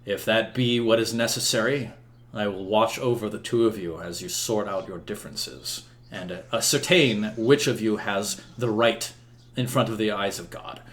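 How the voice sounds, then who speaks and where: A man voicing a stern medieval king who makes formal, measured pronouncements from his throne in a tabletop game. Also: lowish voice, a bit bright, close to an everyday voice.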